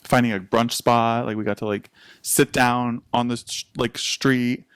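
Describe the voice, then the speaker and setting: A man's voice: mid-range voice, clean tone, no echo. A young man co-hosting a podcast, chatting casually and laughing often. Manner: chatty, animated, quick to laugh. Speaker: podcast co-host. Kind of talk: casual chat.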